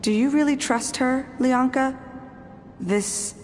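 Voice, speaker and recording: A woman's voice: takes it slowly, darkish tone. A woman playing a doubtful video game character, speaking in a pointed, dramatic way. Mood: sly doubt. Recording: long reverb, rumbling background noise.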